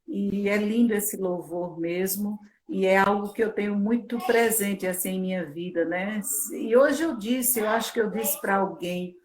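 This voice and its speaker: A woman hosting a live faith interview over a video call, answering with slow affirmations. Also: mid-range voice. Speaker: host.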